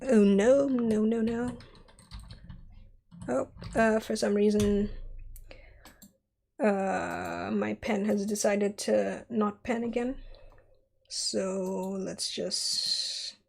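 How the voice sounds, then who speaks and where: Her voice is mid-range, creaky and darkish, with fairly even intonation, a very slow pace and frequent pauses. She's a twenty-something streamer and 3D artist who sculpts while giggling and chatting with viewers, her throat sore and scratchy from a cold.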